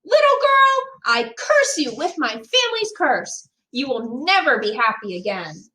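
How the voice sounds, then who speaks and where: Woman acting imperious storybook archduke, grown man, hot-tempered, bright forceful voice, sweeping pitch. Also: sing-song, a little slow, reverberant, heavily acted, rough recording. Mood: furious. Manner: imperious, emphatic.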